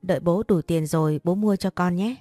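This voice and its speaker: A woman voicing a doting, flustered father who coaxes his young daughter, in a low, dark reading voice. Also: normal speed, no echo, faint music behind, lightly acted. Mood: coaxing. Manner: coaxing, then scolding.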